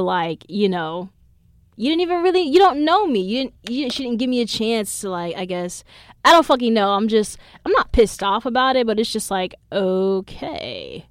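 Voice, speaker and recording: A woman's voice: medium pitch, dry recording, clean studio sound. Blunt, profane woman in her twenties. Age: 20s. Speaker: podcast host. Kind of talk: casual chat.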